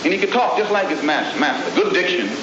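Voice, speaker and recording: A man delivering a speech to an audience in rhythmic, measured oratory with pointed emphasis, from an old archival recording. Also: a little high, big pitch swings. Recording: old echoey, dull, noisy hall recording.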